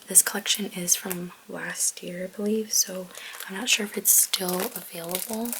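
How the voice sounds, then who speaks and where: A woman whispering slowly through a card-making tutorial at home, hesitant and full of ums as she thinks aloud. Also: on the low side, background noise. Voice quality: whispering softly. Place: home crafting desk, baby asleep nearby.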